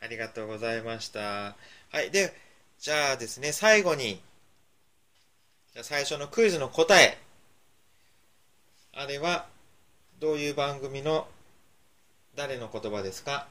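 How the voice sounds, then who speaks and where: A man hosting a homespun radio segment, chatting playfully with a young child. His voice is bright and forceful, and he keeps teasing and coaxing her along with easy laughter. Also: mid-range voice, lively intonation, moderate pace, pauses often. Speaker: radio host.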